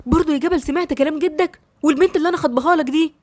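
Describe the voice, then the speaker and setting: A woman's voice: high-pitched, racing, dry recording, studio quality, voice pushed up, natural voice. Woman doing a scornful angry Egyptian mother. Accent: Egyptian Arabic. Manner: scolding, contemptuous.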